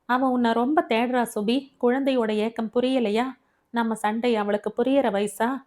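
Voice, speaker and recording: A woman's voice: a little high, fairly even intonation, unhurried, darkish tone, lightly acted. A woman voicing a stern, reproachful young father. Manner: curt and reproachful. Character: stern young father, bitter toward estranged wife.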